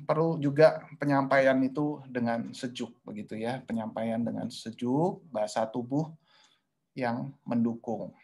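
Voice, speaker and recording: Indonesian pastor giving a conversational sermon. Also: male voice, medium pitch, a little mellow. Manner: conversational and repetitive, often adding "ya" and "gitu ya"; acts out quoted lines in a raised voice. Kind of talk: sermon-style talk in an online webinar.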